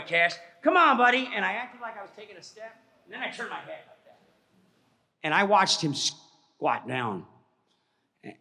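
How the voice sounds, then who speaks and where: A man from Georgia with a somewhat high voice tells a personal story to a live audience. He talks animatedly, dropping to a near hush and starting over mid-sentence. His voice rings with a long reverb, as if he were in a big hall. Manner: animated storyteller, drops to a hush, acts out voices, many restarts. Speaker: speaker at a presentation.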